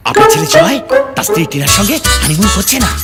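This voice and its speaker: An actress playing a gossiping informant who reports scandal over the phone. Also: female voice, mid-range voice, wildly swooping pitch, very fast, loud music behind the voice.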